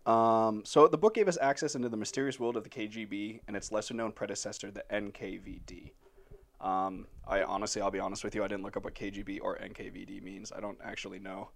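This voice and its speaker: A man's voice: on the low side, fairly even intonation, quick pace, creaky. Rambling man hosting a podcast. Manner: rambling, filler-heavy, laughs often. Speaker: podcast host presenting the topic. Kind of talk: casual podcast chat.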